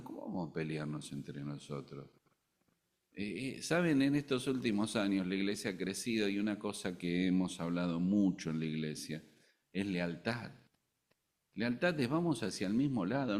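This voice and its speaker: An older man from Argentina delivers a sermon in his native Argentine Spanish accent. His voice sits very low and deep. He speaks in an animated way, with humorous asides and loud rises for emphasis. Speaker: preacher.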